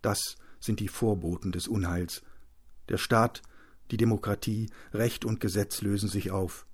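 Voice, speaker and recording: A man's voice: steady tone, measured pace, slightly rough. A man voicing a beaten but defiant writer in an audiobook, speaking weakly and grimly. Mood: grim, brooding. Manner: weak, gasping, low and grim.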